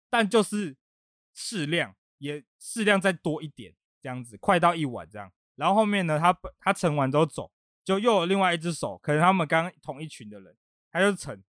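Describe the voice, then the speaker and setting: A Taiwanese man hosting a podcast tells a story in casual chat, talking fast and animatedly, laughing often and acting out the quotes. His voice is fairly high, recorded dry with clean studio sound.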